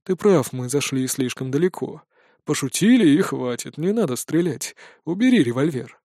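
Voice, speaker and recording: A man reading an audiobook, voicing a middle-aged father who coaxes softly and steadily. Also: mid-range voice, animated, breathy edge, no echo, studio quality, pitched below the performer's own voice. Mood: placating. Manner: soft, coaxing, measured.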